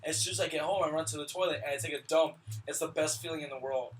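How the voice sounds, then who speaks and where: A man's voice: fairly high pitch, quick pace. A young man co-hosting a casual podcast chat, talking in a laid-back way and laughing easily. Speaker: podcast co-host. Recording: distant mic with loud hiss.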